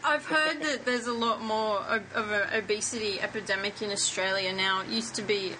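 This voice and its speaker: A woman's voice: mid-range voice, fairly even intonation, normal speed, noisy background. A woman hosting a casual chat, laughing often and teasing her guests.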